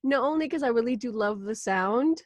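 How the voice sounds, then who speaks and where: Chatty woman hosting a podcast, clear high voice. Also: expressive, brisk, darkish tone, no echo, lo-fi sound. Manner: chatty, laughs often. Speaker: podcast host. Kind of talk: relaxed interview chat.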